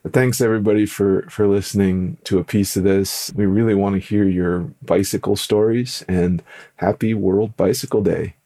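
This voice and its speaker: A man's voice: on the low side, steady tone, normal speed, warm tone. A man co-hosting a podcast, telling stories in a casual, upbeat and playful conversational way. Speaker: podcast co-host.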